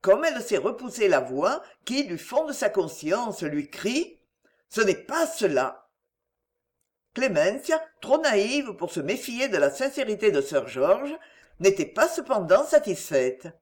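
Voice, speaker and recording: A woman reads a classic novel aloud in a mid-pitched voice. Her narration is measured yet animated, with a lively, varied melody. It is scripted, careful storytelling. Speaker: audiobook narrator.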